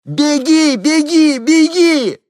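A woman's voice: sits high, lively intonation, slow, a little mellow, dry recording, clean studio sound, voice pushed up. A man voicing a frantic young woman who screams warnings from a helicopter in a story. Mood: desperate shouting. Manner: screaming at full force.

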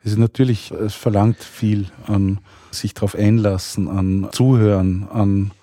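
A man, a teacher, answering interview questions in a calm, measured, explanatory way. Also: lowish voice, no room sound, clean studio sound.

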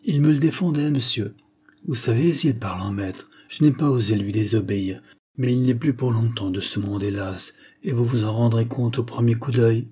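A man's voice: mid-range voice, normal speed, mellow, slightly rough, lightly acted. A man reading an audiobook, voicing an anxious, deferential elderly landlady. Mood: worried. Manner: anxious, respectful.

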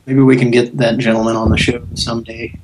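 A man's voice: medium pitch, level tone, a little fast, very noisy. A man co-hosting a prank call show, tossing in dry absurd quips. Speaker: co-host.

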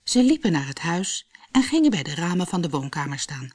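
Woman reading a children's story, lively tone. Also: lowish voice, brisk, slightly rough. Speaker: audiobook narrator.

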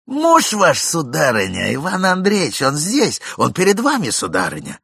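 A man's voice: a little high, wildly swooping pitch, normal speed, vocal fry, fairly bright tone, husky, no echo, clean studio sound, voice pushed up, heavily acted. A man voicing a cocky young man in a storybook reading, taunting and insulting his rival. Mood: sly. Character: cocky, mocking young man in a fur coat.

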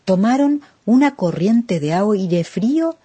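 A woman narrates a story at a very slow, calm pace. Her voice is low and breathy, and it is recorded dry and close to the mic. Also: no echo. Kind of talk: storytelling for radio.

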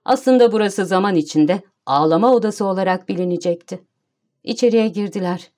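A woman narrates an audiobook at a steady, measured pace. Her voice is mid-pitched and even. She keeps a calm storytelling tone throughout. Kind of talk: scripted narration.

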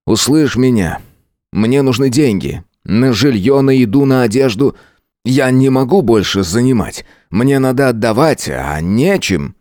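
A man's voice: mid-range voice, lively intonation, a little slow, darkish tone, dry recording, studio quality, pitched above the performer's own voice, natural voice. A man voicing a selfish, whining young man in an audiobook, sneering and contemptuous. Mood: pleading. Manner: sneering, whiny. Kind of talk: audiobook character reading.

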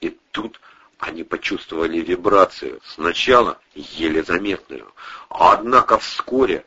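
A man narrating an audiobook with expressive, animated storytelling. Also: sits low, a little slow, slightly rough. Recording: muffled lo-fi audio.

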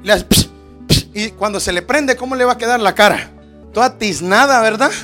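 High-voiced fiery preacher man. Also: moderate pace, faint music behind. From Latin America. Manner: fiery, shouting at peaks, addressing listeners as brother. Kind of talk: sermon.

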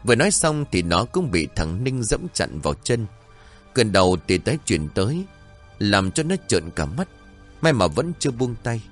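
A man narrating a story in an expressive, dramatic way, with faint music behind. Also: lowish voice, moderate pace.

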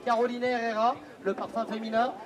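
Male fairground pitchman, high voice, loud insistent barker patter with teasing asides, outdoors amid a busy crowd. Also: level tone, fast, rough recording. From France. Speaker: street-fair perfume pitchman. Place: outdoors at a busy street fair. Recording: outdoor street fair with crowd noise.

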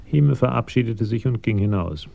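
A man narrating a radio crime drama in a measured, matter-of-fact way, on a slightly dull 1980s broadcast recording. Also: medium pitch, lively intonation, vocal fry, warm tone.

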